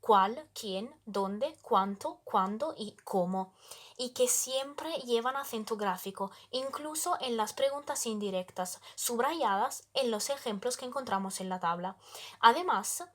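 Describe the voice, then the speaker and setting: A woman reading a scripted grammar explanation as a student presenter, measured and steady, slowing down to spell out each example. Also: on the high side.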